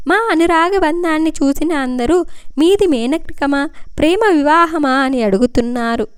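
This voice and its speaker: Woman narrator, clear high voice, dry close mic, gentle expressive read. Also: no echo. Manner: soft, expressive storytelling. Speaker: storyteller. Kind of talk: scripted first-person narration.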